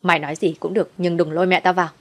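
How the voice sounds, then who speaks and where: A woman's voice: fairly low pitch, little pitch movement, rapid-fire. A woman voicing a bold young woman who harshly scolds her sister-in-law. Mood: scornful.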